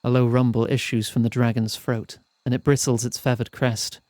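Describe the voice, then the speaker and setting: A man streaming a fantasy role-playing game, reading its text aloud in measured storytelling style and chatting between passages. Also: medium pitch, level tone, darkish tone.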